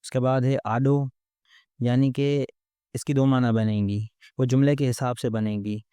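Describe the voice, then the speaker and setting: A man teaching a vocabulary lesson, explaining word meanings one by one with steady repeated phrasing. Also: mid-range voice, clean tone, dry recording, studio quality.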